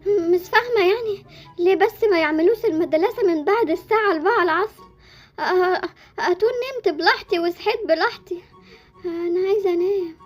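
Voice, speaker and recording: A woman's voice: very high voice, quick pace, soft background music. A woman with an Egyptian Arabic accent voicing a lazy, whiny schoolgirl who stammers when scared. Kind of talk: Roblox story series acting.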